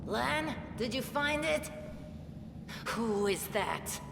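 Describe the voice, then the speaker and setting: An actress playing an abrasive, scornful underground huntress with a curt manner in video game dialogue. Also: female voice, a little high, drawn-out words, creaky, long reverb tail, background noise, full character voice. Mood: wary.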